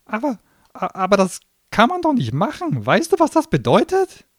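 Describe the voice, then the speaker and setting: A man voicing a sarcastic, hot-tempered little male gnome demon who grants wishes, shrill and mocking, in an audiobook reading. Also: wildly swooping pitch, normal speed, a little mellow, dry recording, clean studio sound, heavily acted. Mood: panicked.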